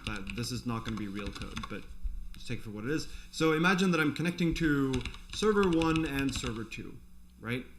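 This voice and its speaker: A programming instructor talks through an informal live coding tutorial, thinking aloud and explaining off the cuff in a conversational way. His mid-range voice is expressive and fairly quick, with a little hiss or hum in the recording.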